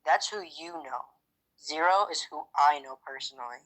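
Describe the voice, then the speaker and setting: A man with a bright, forceful voice plays his character in a game roleplay. He speaks haltingly, stops and restarts often, and fills the gaps with little fillers. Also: a little high, low-quality recording. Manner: hesitant, halting, full of fillers. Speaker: roleplay player.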